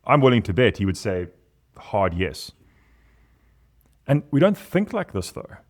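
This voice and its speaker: A man, a podcast guest talking in an animated, emphatic way with big swings in pitch. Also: a little fast. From South Africa. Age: 40s. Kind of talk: casual podcast conversation.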